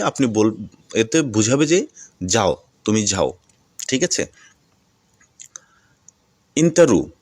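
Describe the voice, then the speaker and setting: A man with a fairly low voice teaches a video language lesson. He says each phrase more than once, slowly, and slips English words into his explanations. The recording is dry and close, with no room sound. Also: no echo.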